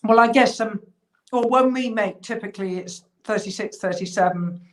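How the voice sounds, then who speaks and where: A woman's voice: mid-range voice, moderate pace. A woman talking as a guest over a video call, explaining thoughtfully with frequent fillers. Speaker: cheesemaker guest. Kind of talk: casual interview chat.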